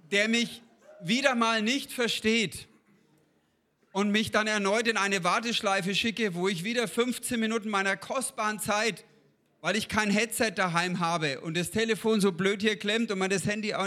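High, bright-voiced man preaching. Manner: conversational, addresses listeners with questions. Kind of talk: informal sermon.

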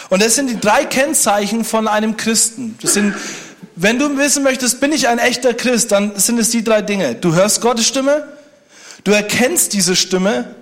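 A man preaching a sermon, speaking conversationally and joking with the congregation. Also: high voice. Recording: long hall reverb.

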